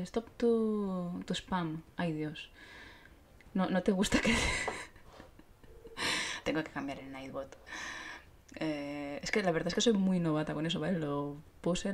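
Chatty streamer woman, lower voice. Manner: chatty, swearing, laughing, reads chat aloud. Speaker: gameplay streamer. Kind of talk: casual gameplay commentary.

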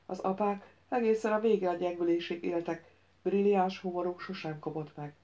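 A woman reads an audiobook in steady, scripted narration. Her voice is a little low. The recording sounds slightly dull and muffled.

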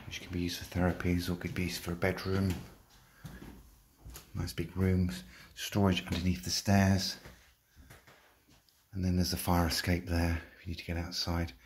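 A man's voice: low-pitched, monotone, unhurried, long pauses, darkish tone, a little hiss or hum. A man with an English accent giving a plain, matter-of-fact walkthrough of a shop building, filmed on a handheld phone as he walks the empty rooms. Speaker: property seller giving a walkthrough. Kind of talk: casual property tour narration. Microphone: handheld phone, walking.

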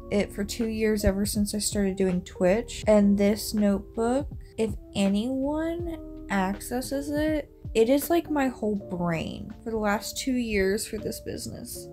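A young woman in her twenties talking to her phone camera in a casual vlog, tired and rambling with lots of fillers, first from bed and then indoors in a small rental house. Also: medium pitch. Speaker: content creator. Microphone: phone held at arm's length.

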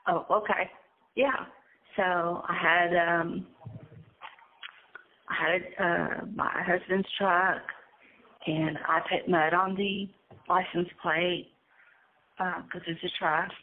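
A nervous woman hesitantly telling her own story as an interviewee, pausing often with ums. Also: fairly low pitch, flat delivery, a little hiss or hum. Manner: hesitant, halting, with frequent ums. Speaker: incarcerated interviewee. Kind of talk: casual conversational storytelling. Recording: tinny phone line.

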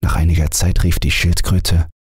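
A man reading a fairy tale aloud as a calm bedtime audiobook narrator. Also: sits low, slightly rough, no echo, clean studio sound. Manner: measured storytelling voice.

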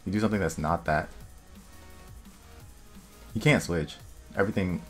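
Deep-voiced young man muttering game commentary. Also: a bit bright. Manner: muttering to himself, thinking aloud, quick asides. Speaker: gaming video creator. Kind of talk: casual gameplay commentary. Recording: faint music underneath.

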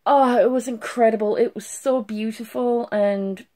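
A woman's voice: on the high side, steady tone, normal speed, dark tone. A young adult woman who has just been crying gives a casual, gushing video review into a phone held at arm's length in a small room at home. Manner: emotional gushing with restarts and trailing thoughts. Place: small bedroom at home, indoors.

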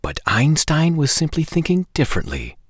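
This storytime host reads expressively to children in a deliberate, animated, sing-song manner. His voice is on the high side and slightly rough. Picked up on a lapel mic, the recording is studio quality with no echo.

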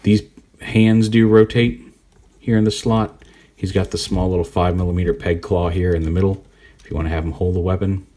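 Low-voiced man casually reviewing a toy. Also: fairly quick. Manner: relaxed, rambling, thinks aloud while handling the toy. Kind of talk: casual hands-on product review.

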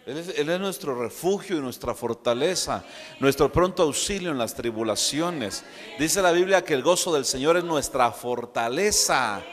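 A man's voice: a little high, animated, moderate pace. A male preacher delivers a sermon. He builds emphasis and throws rhetorical questions at the congregation. His voice carries a long reverb from the church hall. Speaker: apostle preaching.

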